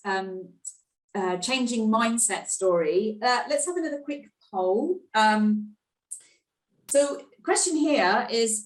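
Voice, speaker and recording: A woman's voice: on the high side, echoey room, poor audio. A woman moderating a webinar, running polls and handing over to speakers in a friendly way. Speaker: host.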